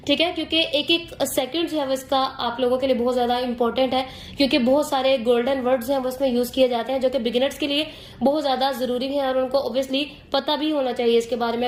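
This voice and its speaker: A woman with a high voice teaches makeup step by step, sounding hoarse as she strains to talk. She explains patiently and keeps checking in with her viewers. The room has a noticeable echo. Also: slight background noise. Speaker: makeup tutor.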